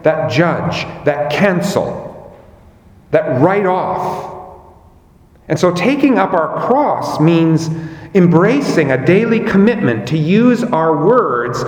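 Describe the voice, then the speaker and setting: A man preaching a sermon as pastor, slow and measured, rising on key words. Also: fairly high pitch, reverberant, long reverb tail.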